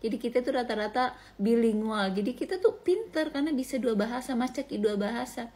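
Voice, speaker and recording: Woman from Indonesia, Bugis accent, casual animated monologue, slips between languages, laughs easily. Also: fairly high pitch, fairly quick. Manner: mixes regional language into chatty talk.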